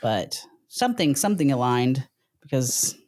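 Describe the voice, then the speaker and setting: A woman's voice: very deep voice, sing-song, normal speed, a little mellow. A middle-aged woman co-hosting a casual talk show with her husband, telling stories in a rambling, candid way. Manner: rambling, candid, country-flavored storytelling. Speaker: podcast co-host.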